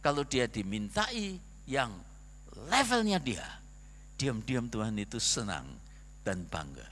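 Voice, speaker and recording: A male pastor preaching a sermon in a church, animated, with rhetorical questions and acted-out quotes. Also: mid-range voice, slow. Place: church sanctuary. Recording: long reverb of a church hall.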